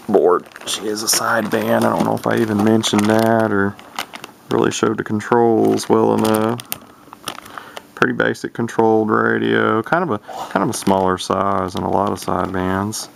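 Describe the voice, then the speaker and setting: A man in his thirties who collects vintage CB radios shows an unboxing, giving casual, unscripted commentary in a folksy, rambling way as he thinks aloud. His lowish, creaky voice is flat and at normal speed, captured by a handheld camera's built-in microphone against a noisy background.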